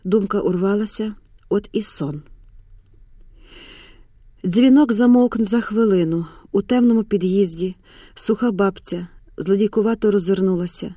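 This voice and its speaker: A woman narrating an audiobook in a hushed, measured storytelling voice, recorded on a close studio mic. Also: medium pitch, dry recording.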